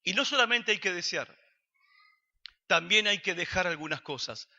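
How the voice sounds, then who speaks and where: Argentine preacher guy, pretty high voice, asks the church stuff then answers it himself, muffled with big echo. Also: animated, normal speed, sharp tone. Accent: Argentine Spanish. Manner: questions the congregation and answers himself. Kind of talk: sermon. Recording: dull recording with long hall reverb.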